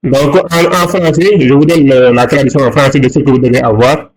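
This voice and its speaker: A man's voice: mid-range voice, steady tone, brisk, a little hiss or hum, rough recording. Patient man teaching a lesson. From Senegal. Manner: patient, repeats and rephrases each point. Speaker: Arabic teacher. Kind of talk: online lesson explaining exercises.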